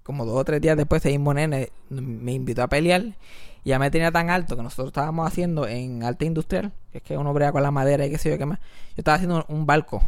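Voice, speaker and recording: A man's voice: fast talker, no room sound. A man telling stories in casual chat, mixing in English and acting out voices in squeals. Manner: animated, mixes English into Spanish, acts out voices in high squeals. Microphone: close studio mic.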